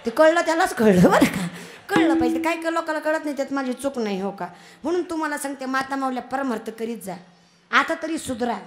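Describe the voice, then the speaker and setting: A woman's voice: high voice, expressive, quick pace. A young woman preaching a devotional kirtan sermon, teasing and scolding the crowd. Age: young adult. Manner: scolding, teasing, calls out to the audience.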